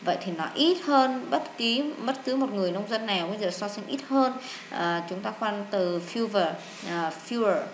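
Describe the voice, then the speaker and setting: A woman teacher walks students through a test, chatty and full of drawn-out fillers. She often repeats words and speaks to the class directly. Her voice sounds roomy and echoey, with a faint hiss underneath. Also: medium pitch, lively intonation. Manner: addresses students warmly as "các bạn". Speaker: English teacher. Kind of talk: exam walkthrough lesson.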